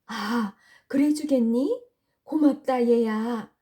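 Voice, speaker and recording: A gracious princess, acted by a woman storyteller, raised a little in pitch. She speaks in a stately, commanding way, as in a children's storybook. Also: takes it slowly, mellow. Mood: grateful, gracious.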